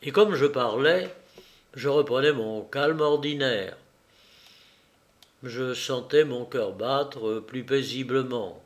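A man reading a first-person novel aloud as an audiobook narrator, in a measured, deliberate way. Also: mid-range voice.

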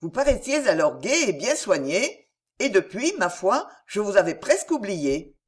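A woman reading an audiobook, voicing a reserved middle-aged gentleman uncle in a dry, matter-of-fact tone. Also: mid-range voice, very animated, normal speed, breathy edge. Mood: earnest. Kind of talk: audiobook character dialogue.

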